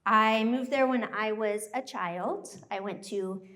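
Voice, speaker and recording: An American woman who grew up in Thailand, giving a joyful, animated live presentation to a workshop group. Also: mid-range voice, slow. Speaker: workshop speaker.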